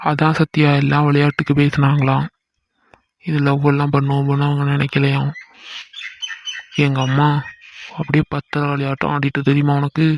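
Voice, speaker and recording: A man voicing a resigned young village man in love in a cartoon, explaining his troubles flatly. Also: a little high, normal speed, long pauses, no echo, rough recording.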